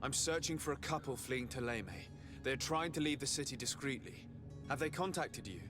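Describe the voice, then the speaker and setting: An actor playing a courteous, direct envoy asking questions on a mission in a video game. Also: male voice, medium pitch, normal speed, close to an everyday voice. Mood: direct, probing. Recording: music behind the dialogue.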